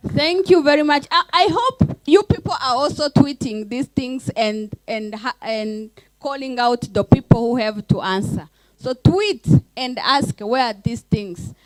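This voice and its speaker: Woman moderator, high pitch, brisk and to the point. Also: no echo, poor audio. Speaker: panel moderator. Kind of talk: moderating a discussion.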